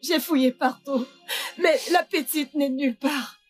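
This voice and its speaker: A woman's voice: sits high, measured pace, faint music behind. An actress dubbing a distressed woman who pleads her innocence and prays tearfully. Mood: pleading. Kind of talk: dubbed film drama.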